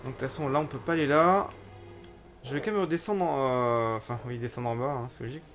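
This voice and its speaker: A man commenting casually on his own gameplay, thinking aloud and reading tutorial text out loud. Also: medium pitch, fast talker, faint music behind. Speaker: let's play gamer.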